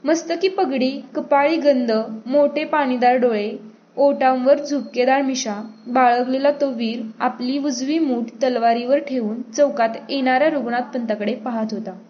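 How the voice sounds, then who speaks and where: A woman narrating an audiobook in an expressive storytelling manner. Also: high voice, a little slow, dull audio.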